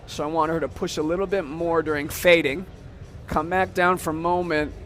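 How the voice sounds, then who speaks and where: A man giving a casual, step-by-step software demo at a trade show, often checking in with "okay?". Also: on the high side, fairly even intonation, normal speed, noisy background. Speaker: software demonstrator.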